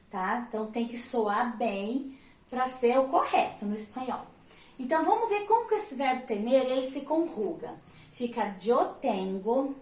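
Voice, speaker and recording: A woman's voice: high-pitched, far from the mic. A woman with a Brazilian Portuguese accent, explaining Spanish verbs in a recorded class and checking in with "né?" and "tá?". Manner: mixes Portuguese with Spanish words. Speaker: Spanish teacher. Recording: echoey room, voice off-mic.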